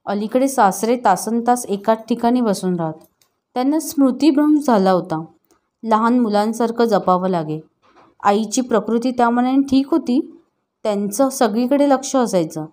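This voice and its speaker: A woman narrating an emotional family story in a calm, steady reading voice. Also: fairly high pitch, normal speed.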